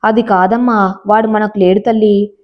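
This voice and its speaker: A woman's voice: medium pitch, steady tone, moderate pace, natural voice. A woman reading as a grieving old father. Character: grieving elderly father, gentle and steady. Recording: slightly dull lo-fi audio.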